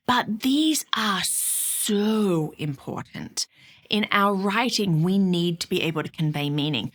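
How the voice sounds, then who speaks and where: Woman educator, casual teaching talk, animated pitch, bright tone, emphatic and playful. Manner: expressive and emphatic, with playful asides.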